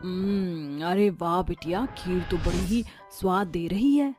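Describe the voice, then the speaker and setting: A woman voicing a gentle older village mother in a cartoon story, speaking low, slow and soft. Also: faint music behind, natural voice. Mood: calm.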